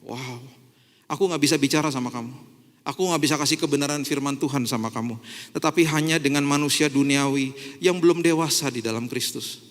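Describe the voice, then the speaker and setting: A man preaching a sermon in a church, animated and swinging between loud exclamations and quiet musing, with English words mixed in. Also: medium pitch, fairly quick. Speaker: pastor. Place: church hall. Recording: long church hall reverb.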